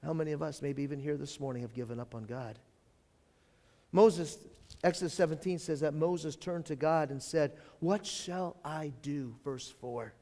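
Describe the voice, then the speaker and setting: A pastor preaching a sermon in a church, emphatic, repeating key phrases and swinging from loud to hushed. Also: male voice, a little high, moderate pace. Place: church sanctuary. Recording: long hall reverb of a church.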